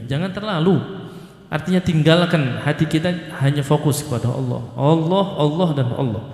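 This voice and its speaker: A man giving a Ramadan study sermon. He reads Arabic phrase by phrase, chants some of it, then explains it slowly. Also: fairly high pitch. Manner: sometimes chants the Arabic in a sing-song tone. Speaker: ustadz teaching a classical text. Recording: echoey hall with long reverb.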